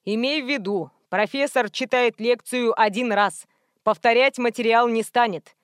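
A woman's voice: fairly high pitch, normal speed, clean tone, no echo, clean studio sound, natural voice. A woman reading an audiobook voices a playful, clowning male friend with a teasing manner.

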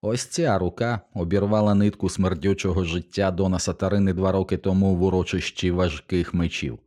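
A man's voice: deep voice, fairly even intonation, a little fast, dark tone, lightly acted. A man voicing a boy who plays a stern noble hero, commanding and scornful, in an audiobook. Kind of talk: audiobook character reading.

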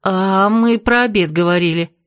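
A woman voicing a young tsarevna who answers calmly and evenly. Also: medium pitch, moderate pace, clear, resonant tone, no echo, clean studio sound, natural voice. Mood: evasive.

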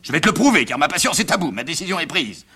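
Man playing a blustering middle-aged father, shrill indignant outbursts, bright husky tone, swooping pitch. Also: sing-song, fast, exaggerated voice. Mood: stern. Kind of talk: one-man reading of a stage comedy.

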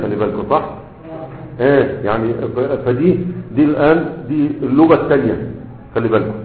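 A man with an Egyptian Arabic accent teaching a grammar lesson, constantly quizzing his students with half-finished questions and checking they follow. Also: medium pitch. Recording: echoey room over a tinny, phone-like line.

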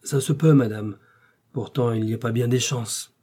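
Casual: guy reading an old sea pilot, respectful and plain, kinda husky. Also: medium pitch, normal speed, mellow, close to an everyday voice. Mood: grave. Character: old male sea pilot, weathered and deferential.

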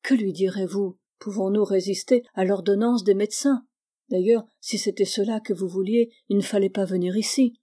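Lady narrator reading an older guy, fatherly, gentle but firm, mellow soft tone. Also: mid-range voice, steady tone, moderate pace, natural voice.

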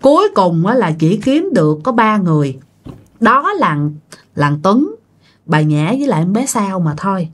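A woman tells a ghost story in a chatty, conversational way. She often turns to speak directly to her listeners, and her voice rises and falls in lively swings. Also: medium pitch, moderate pace.

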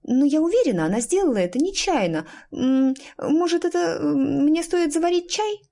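A woman's voice: sits high, expressive, gravelly, warm tone, pitched above the performer's own voice. A woman doing a timid, hesitant witch girl. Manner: halting, hesitant, with filler hums. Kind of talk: audiobook character voice.

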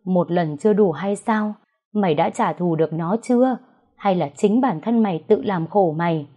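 Brief: a woman reading a dying storybook mother, slow and soft-spoken, low mellow voice. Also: natural voice. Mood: furious. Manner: slow, tender pleading, turning harsh in anger. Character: gravely ill mother, gentle but stern.

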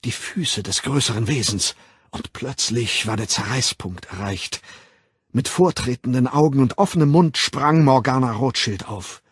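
Husky, slow male audiobook narrator. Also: medium pitch, no echo, clean studio sound. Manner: measured, dramatic reading.

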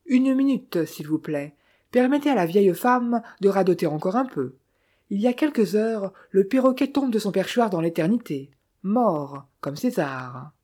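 A woman's voice: mid-range voice, expressive, dark tone, natural voice. A woman reading a polite, formal little detective. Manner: formal, polite, measured speech. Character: small older male detective, courteous and wry.

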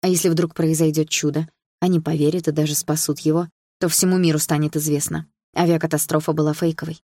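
A woman narrating an audiobook in the first person with a calm, steady, determined delivery. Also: low-pitched, fast talker, no echo, clean studio sound.

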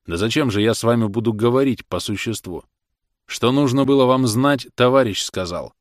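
An actor reading an audiobook, playing a calm, serious male revolutionary who answers the judge with measured words. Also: mid-range voice, no echo, clean studio sound, lightly acted.

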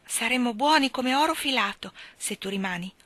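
A woman's voice: fairly high pitch, animated, moderate pace, fairly bright tone, no echo, voice pushed up. A woman reading aloud, voicing an anxious young girl who pleads in a whimpering way. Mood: pleading.

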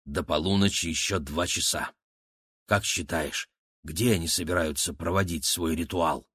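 A man voicing a practical, matter-of-fact teenage boy in an audiobook, close to his own low voice. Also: fairly even intonation, normal speed, a bit bright, breathy edge, dry recording. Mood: hushed. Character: practical teenage boy, level-headed twin brother. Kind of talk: audiobook character voice.

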